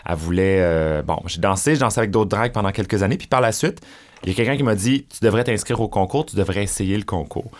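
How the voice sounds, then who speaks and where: A man's voice: lowish voice, fast. A middle-aged man with a Québécois French accent, chatting as an interview guest and telling stories with lots of fillers. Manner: chatty, animated storytelling with many fillers. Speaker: drag performer, guest. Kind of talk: conversational interview.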